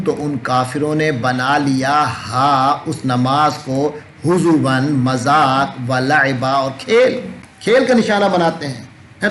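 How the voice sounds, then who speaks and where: A man teaching a lesson that translates scripture word by word, reciting slowly and asking his listeners rhetorical questions. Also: a little high, fairly bright tone, slight background noise. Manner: slow, measured recitation of scripture. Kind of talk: lecture.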